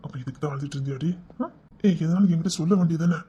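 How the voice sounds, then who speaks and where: Gentle, mellow-voiced male storyteller. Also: on the high side, rapid-fire, husky, muffled recording. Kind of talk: one-man audio story, performing all the parts.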